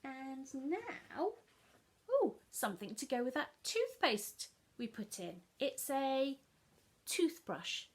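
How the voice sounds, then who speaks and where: A woman teaching a children's phonics lesson, sounding out letters slowly and coaxing listeners to repeat words. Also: high voice, wildly swooping pitch.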